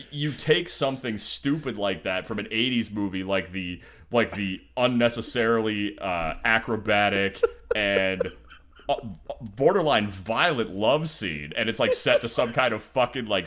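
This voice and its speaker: A man with a fairly low voice co-hosts a podcast. He talks casually and rambles, swearing freely and laughing easily as he goes. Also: measured pace, a bit bright. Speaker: podcast co-host. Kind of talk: casual chat about a film.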